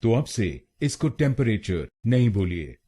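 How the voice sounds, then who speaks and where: A man giving a scripted pronunciation lesson, slowly and deliberately repeating a word syllable by syllable. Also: fairly low pitch, sing-song, dark tone, slightly rough. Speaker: pronunciation teacher.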